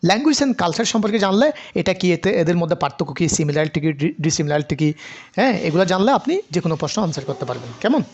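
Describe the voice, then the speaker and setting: Animated male lecturer. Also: high voice, fast, husky, dull audio. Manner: animated, rhetorical questions, mixes English terms. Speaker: teacher. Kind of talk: online lecture.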